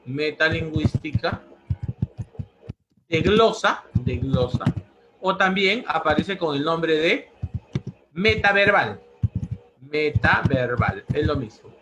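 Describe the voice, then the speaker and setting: Slow, repetitive teacher. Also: male voice, a little high, noisy background. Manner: slow, repeats each answer several times. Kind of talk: pre-university language lesson.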